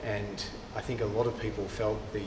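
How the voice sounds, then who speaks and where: A man, a cathedral's director of music, answering interview questions thoughtfully with many pauses and restarts. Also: fairly low pitch, level tone. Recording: echoey cathedral with long reverb and clear background noise.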